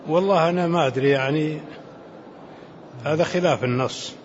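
Sheikh explaining a religious text, muffled. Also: male voice, fairly high pitch. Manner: unhurried, explanatory, drops into softer asides. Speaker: sheikh commenting on a fiqh text. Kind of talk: religious lesson commentary. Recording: muffled lo-fi recording with faint hiss.

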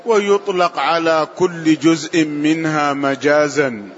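Male reader in a lesson, slightly high voice, formal even recitation, dull lo-fi audio. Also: takes it slowly. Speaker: student reading the text aloud. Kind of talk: reading a classical text aloud in a lesson. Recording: muffled lo-fi audio with faint hiss.

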